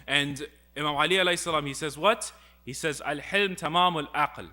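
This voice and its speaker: A man's voice: fairly high pitch, brisk, sharp tone. A young man giving a religious talk, earnest and full of rhetorical questions as he retells a story. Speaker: speaker.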